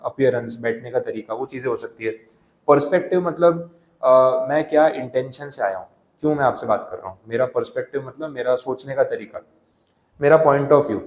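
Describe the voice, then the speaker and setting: A man's voice: mid-range voice, darkish tone. Male teacher lecturing in an echoey room. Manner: explains slowly with everyday examples, reads English text aloud slowly. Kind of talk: classroom lecture.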